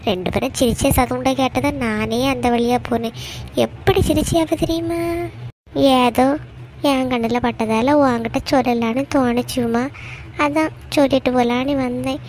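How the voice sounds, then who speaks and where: A woman's voice: a little high, moderate pace, darkish tone, a little hiss or hum, natural voice. A woman with a Kanyakumari Tamil accent voicing a sly, gossiping village neighbour in a cartoon, hinting and stirring up trouble.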